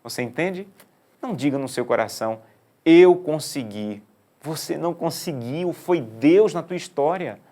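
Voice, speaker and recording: A man pastor preaching a sermon, swinging between loud emphasis and soft, intimate appeals. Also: a little high, expressive, normal speed.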